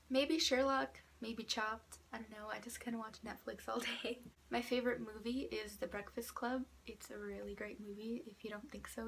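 Stuffy with a cold, this eighteen-year-old woman chats casually to camera about herself, sounding talkative and slightly sarcastic as she introduces her vlog. She speaks on the high side with a creaky voice. A faint hiss or hum sits under the audio, and cars pass outside the small indoor room by a door.

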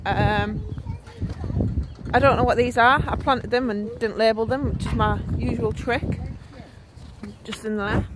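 A woman's voice: a little high, fairly even intonation, a little slow, pauses often. A middle-aged woman, chatting casually as she films a walking tour of her allotment garden. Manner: chatty, points things out as she walks. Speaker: vlogger. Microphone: handheld phone camera. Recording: loud wind and outdoor noise.

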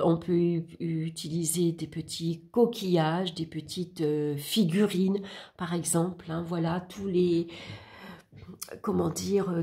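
A woman casually reviewing an oracle card deck for her viewers, talking in a halting way with many fillers and restarts. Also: lowish voice, mellow. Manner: hesitant, halting with frequent fillers and self-corrections; chatty, addresses viewers directly.

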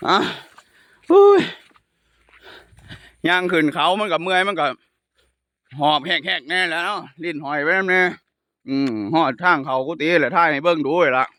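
This Buddhist monk's voice sits a little high, bright and forceful, at a moderate pace broken by long pauses. He jokes casually in a Northeastern Thai Isan accent as he walks up an outdoor hill path, laughing often and telling teasing stories. It's clean studio sound with no room sound.

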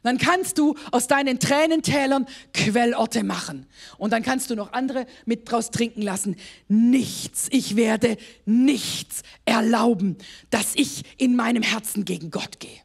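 High-voiced, emphatic woman preacher. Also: animated, normal speed, creaky. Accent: German. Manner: emphatic, exclaims hallelujah, laughs at herself. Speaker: pastor. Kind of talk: sermon.

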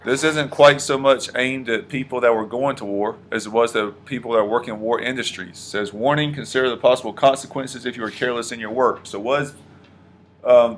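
A man's voice: mid-range voice, steady tone, brisk, slight background noise. A man teaching history to a class, questioning the students and echoing their answers. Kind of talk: classroom lesson.

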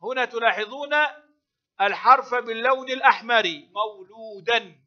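A male primary school teacher giving a recorded lesson for young children, slowly stretching out and repeating words and praising his pupils. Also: extremely high pitch, pushed and bright, lo-fi sound. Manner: slow, drawn-out repetition of words for pupils, frequent praise.

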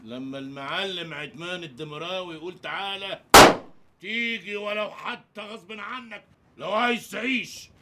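An actor with an Egyptian accent playing a curt, threatening gangster boss in a comedy series. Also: male voice, sits high, normal speed, background noise. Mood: menacing. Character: menacing male gangster boss, gruff and commanding.

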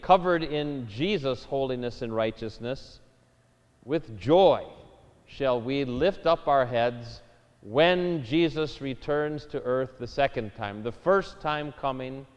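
A man preaching a sermon as a pastor, measured and deliberate, rising in emphasis on key phrases. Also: mid-range voice. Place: church sanctuary. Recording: dull lo-fi church recording with long reverb.

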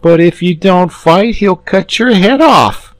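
A man reading a story, voicing an eager, excitable young boy in a raised, pleading voice. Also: medium pitch, slow pace, no room sound, pitched above the performer's own voice. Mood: urgent.

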